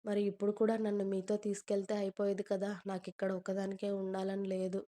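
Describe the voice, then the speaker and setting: A sweet, pouting young college girl in a storybook reading, voiced by a woman narrator. Her voice is warm and mellow. She speaks in a flat, even tone. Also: mid-range voice, fast talker, close to an everyday voice. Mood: complaining.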